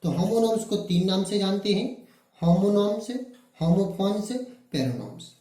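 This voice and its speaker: Mellow-voiced male teacher, echoey room. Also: high-pitched, animated, normal speed. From Madhya Pradesh, India. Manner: asks questions and answers them himself, repeating key words. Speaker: English teacher. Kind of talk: classroom-style grammar lesson.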